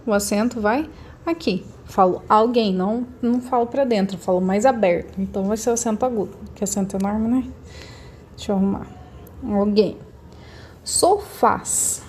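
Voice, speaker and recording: A woman with a Brazilian Portuguese accent teaching a recorded remote lesson, patiently saying each word slowly to show the stressed syllable. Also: mid-range voice, dark tone, a little hiss or hum.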